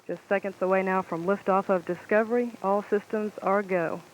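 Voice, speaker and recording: A man's voice: sits high, fairly even intonation, moderate pace. A man making a live countdown announcement in mission control radio style, as a launch commentator. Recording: noisy archival mission control radio feed.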